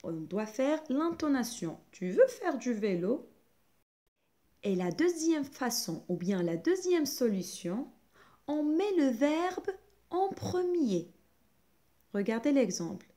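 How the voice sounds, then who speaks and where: A woman teaching a grammar lesson to young schoolchildren, speaking slowly and clearly with wide swings of pitch. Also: sing-song, dark tone.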